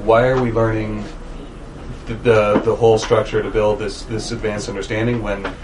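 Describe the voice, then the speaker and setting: A man's voice: on the low side, level tone, moderate pace. A man, a student in a class, asking a question politely and hesitantly. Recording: distant mic, audible room noise.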